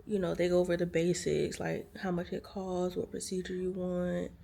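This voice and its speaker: She speaks in a fairly low, gravelly, mellow voice with a flat delivery and moderate pace. A tired vlogger from the United States, she's in a hospital room telling casual stories to the camera, chatty and filler-heavy, addressing viewers as "y'all."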